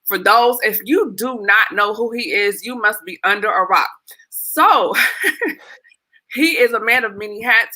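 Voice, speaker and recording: A woman's voice: mid-range voice, sharp tone, poor audio. A woman hosting a podcast, introducing her guest in an upbeat, chatty way. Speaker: podcast host.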